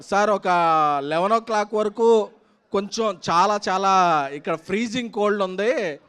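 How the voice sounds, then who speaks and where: A man's voice: sits high, a bit bright. A man giving a rousing promotional stage speech, emphatic and declamatory, building in punchy repeated phrases. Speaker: film producer giving a speech. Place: on stage at a film promotion event.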